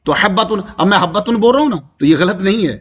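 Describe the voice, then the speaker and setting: A man gives a Quranic commentary lesson in a high, animated voice that swings widely in pitch. He recites verses slowly and drawn out, then explains them and checks with his listeners. The recording sounds dull and lo-fi. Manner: asks the listeners questions as he explains. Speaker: Quran teacher.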